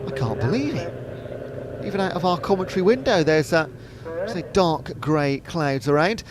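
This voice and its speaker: A man's voice: a little high, animated, moderate pace. A man commentating at a race circuit and reading out race results, now and then correcting himself. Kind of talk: motorsport commentary. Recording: crowd noise behind.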